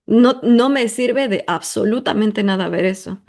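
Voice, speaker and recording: A woman's voice: fairly high pitch, unhurried, darkish tone. A woman from Ecuador, hosting a personal monologue in an emphatic, talkative way full of intensifiers and fillers. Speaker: podcast host.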